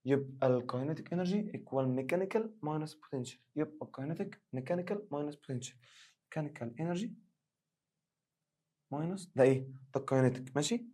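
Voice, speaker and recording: An Egyptian man with a rough, worn-out voice races through a lively science revision lesson for an exam, speaking in an Egyptian Arabic accent. He keeps the energy high. Whenever he acts out a student asking for help, he raises his voice and pitches it up loudly.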